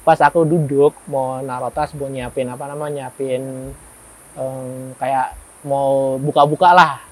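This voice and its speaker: A man's voice: medium pitch, measured pace, a little hiss or hum, rough recording. A young man telling a horror story in casual conversation, acting out the dialogue as he goes. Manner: animated, acts out quoted dialogue. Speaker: guest storyteller.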